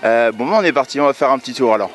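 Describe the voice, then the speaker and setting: A man's voice: medium pitch, very fast. A man co-presenting in casual, playful chat at a fair. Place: outdoor fair carousel. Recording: clear music at a fairground. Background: music.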